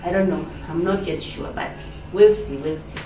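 A Kenyan woman with a fairly low voice does a casual grocery haul vlog indoors in her kitchen. Her talk is chatty and unhurried, full of pauses and fillers. The recording, from a camera a few steps away on the counter, is roomy with background hiss.

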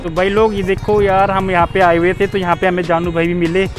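A young man giving casual motovlog commentary from his motorcycle on a highway, chatty and talking to viewers as brothers. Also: level tone, brisk. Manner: chatty, keeps saying "bhai" to viewers. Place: outdoors, riding a motorcycle on a highway. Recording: music over the sound.

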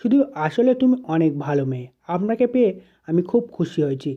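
A man's voice: high voice, very animated, fairly quick. Brief: playful, needling young man, read by a man; lo-fi. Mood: teasing. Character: teasing, sweet-talking young man.

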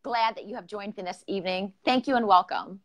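A woman's voice: mid-range voice, brisk, fairly bright tone. A woman hosting a casual live-streamed podcast interview, talking in a chatty, enthusiastic way. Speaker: podcast host.

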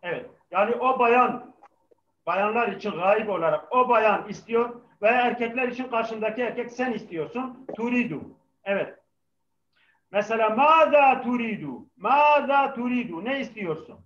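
A man's voice: extremely high pitch, lively intonation, normal speed, fairly bright tone. A male language teacher patiently drilling his class, his voice carrying a heavy echo from the microphone. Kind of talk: live class lesson with student call-and-response. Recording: echoing, dull microphone sound.

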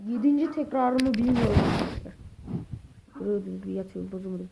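Vlogging casually as she handles ducks, a woman speaks in a fairly high voice over background noise. Her talk to viewers rambles, and she addresses them as friends while correcting herself along the way.

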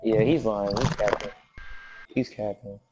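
A man's voice: fairly low pitch, steady tone, measured pace, lo-fi sound. A young man talking in a blunt, slangy, sweary way over casual gaming voice chat. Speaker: online gamer. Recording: noisy game chat with clicks.

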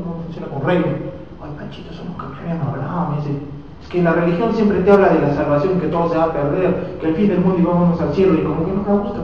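A young man in his late twenties with a Peruvian accent, preaching a sermon and telling emotional stories, often swelling loud on key phrases. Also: high-pitched, slight background noise. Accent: Peruvian Spanish. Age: late 20s. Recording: echoey hall recorded from far off, dull.

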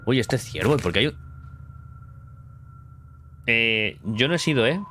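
A man's voice: mid-range voice, sing-song, slow, sharp tone, a little hiss or hum. A man from Spain with a Spanish accent, streaming a horror game, reading its text aloud and reacting with startled exclamations. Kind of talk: casual let's play commentary.

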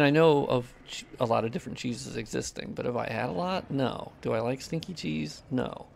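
A young man streams himself playing and modding a game, chatting casually in a nasal, mid-range voice with some vocal fry. He swears freely and reads questions from chat aloud before answering them, with slight background noise in the recording.

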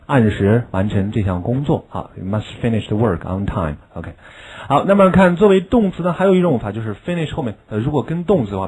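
In a recorded video class, a man teaches English, explaining patiently with rhetorical questions and drilling each word by saying it slowly several times. His voice is fairly low and warm, and the recording is rough.

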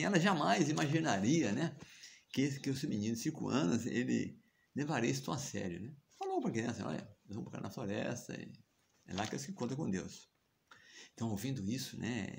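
A man's voice: medium pitch, gravelly, a little hiss or hum. A man with a Brazilian accent retelling a scripture story in a chatty way, often asking listeners to agree. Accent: Brazilian Portuguese. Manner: chatty, frequent tag questions and chuckles. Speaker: devotional teacher.

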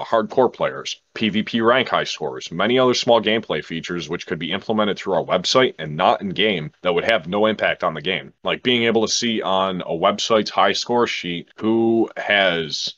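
Man, very deep voice, frustrated profane rant, casual monologue, muffled lo-fi recording. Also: normal speed, hardly any pauses, a bit bright. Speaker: game server developer.

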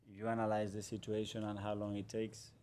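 A football manager in his forties speaks into a table microphone in a press room. His low voice stays flat and even. He gives measured, guarded answers and repeats his phrases. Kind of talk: post-match press conference answers. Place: press conference room in front of a sponsor backdrop.

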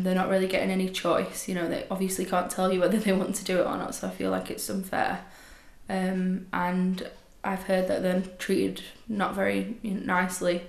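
A woman's voice: medium pitch, vocal fry, roomy sound. Hesitant nineteen-year-old woman in a room. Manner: hesitant, with fillers and repeats. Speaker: interviewee. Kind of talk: casual interview answers. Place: indoor room, seated in armchair.

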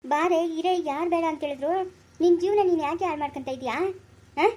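Woman, Chikkaballapura Kannada accent, high rapid quarrelsome delivery for village family drama. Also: darkish tone. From Karnataka. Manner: scolding, quarrelsome.

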